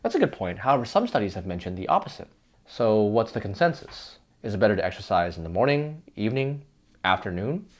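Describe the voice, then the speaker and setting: A man's voice: on the low side, big pitch swings, brisk. A man playing several versions of himself in a scripted, conversational debate, arguing back and forth with himself. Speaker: host of an explainer sketch.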